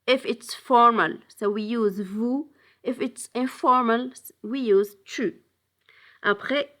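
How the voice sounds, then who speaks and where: A woman teaches French in a bilingual lesson. Her voice sits a little high, and she talks at an unhurried pace. She switches between French and English and often stops to hesitate before going on. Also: fairly bright tone. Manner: frequent hesitation fillers.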